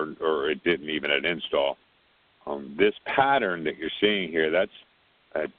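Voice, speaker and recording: A man's voice: very deep voice, no echo. A man heard over the phone, leading a casual technical briefing and rambling with repeated words on a tinny phone line. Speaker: technical support lead on a conference call.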